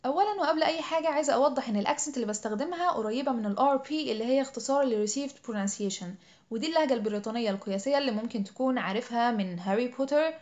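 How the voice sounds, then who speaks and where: A woman with an Egyptian Arabic accent teaching an English pronunciation lesson, explaining patiently and repeating example words slowly for learners to copy. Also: on the high side, a little mellow, dull audio. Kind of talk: online language lesson.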